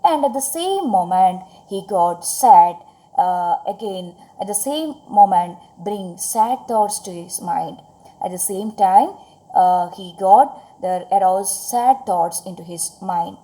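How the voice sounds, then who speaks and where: A woman's voice: mid-range voice, lively intonation, takes it slowly, warm tone, rough recording. A woman with a Malayalam accent from Kerala, teaching English poetry to schoolchildren, reciting and explaining word by word in a didactic, repetitive way. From Kerala, India. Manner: didactic, repeats phrases and spells out words.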